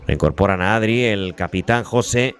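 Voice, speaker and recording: Man doing excited breakneck goal commentary. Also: fairly low pitch. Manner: breakneck goal commentary, shouting drawn-out repeated goal calls. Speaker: sports commentator. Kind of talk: live beach soccer play-by-play commentary.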